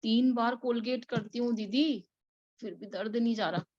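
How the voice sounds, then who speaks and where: A woman's voice: a little high, moderate pace, darkish tone, no room sound, lightly acted. A woman voicing a shy young housemaid who gives short, mumbled replies. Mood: mumbling in pain. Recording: dull, dry recording.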